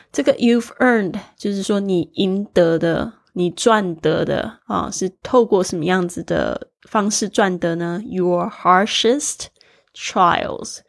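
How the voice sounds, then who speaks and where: A native Mandarin-speaking woman gives a casual English vocabulary lesson. She spells words out letter by letter and points out where the stress falls. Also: medium pitch. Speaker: English teacher.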